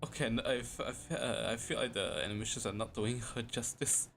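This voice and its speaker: A man's voice: mid-range voice, fairly quick, creaky, fairly bright tone, soft background music. A man streaming a game with casual, reactive commentary, often muttering and repeating himself.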